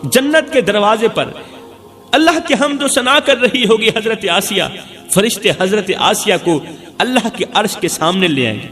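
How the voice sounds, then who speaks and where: Man, emotional sermon preacher: high and lively pitch, repeating and crying out, reverb-soaked with soft music bed. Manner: impassioned, repeats phrases, swells to cries. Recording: long hall reverb with faint music.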